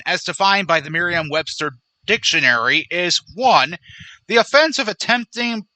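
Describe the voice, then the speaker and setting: A man hosting a political commentary podcast, sarcastic and indignant as he lays out his case. His voice is higher than most men's and very bright and forceful. The recording is close and dry. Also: dry recording, low-quality recording. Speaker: podcast host.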